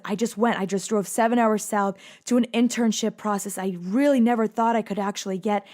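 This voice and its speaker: A young adult woman hosting a podcast, telling a personal story with animation and acting out the dialogue. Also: medium pitch. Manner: animated, acts out quoted dialogue. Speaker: podcast host.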